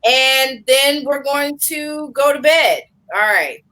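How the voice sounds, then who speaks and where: A woman co-host talks through a retreat plan in a loose, joking livestream chat. Her voice sits a little high and sounds bright and forward. She leans on easy filler words as she goes. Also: slow, rough recording.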